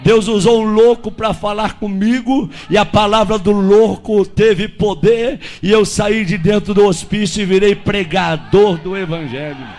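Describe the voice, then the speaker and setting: A Brazilian man delivers a sermon testimony in a strikingly high voice. He tells the story dramatically, acting out the dialogue and rising to shouts at the big moments. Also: steady tone, a little slow, few pauses, faint music behind. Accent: Brazilian Portuguese. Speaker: pastor.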